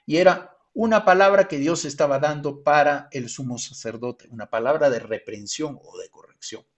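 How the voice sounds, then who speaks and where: A man, a pastor teaching a theology class over a video call, telling stories in a lively way and acting out the voices he quotes. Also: fairly high pitch, moderate pace.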